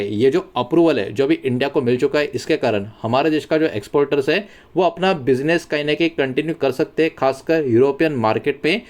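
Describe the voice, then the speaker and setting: A man's voice: medium pitch, a little mellow. A man hosting a stock market news channel, explaining the news in a conversational tone and often mixing English words into his sentences. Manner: conversational, mixes English words into Hindi, repeats phrases. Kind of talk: casual explainer monologue.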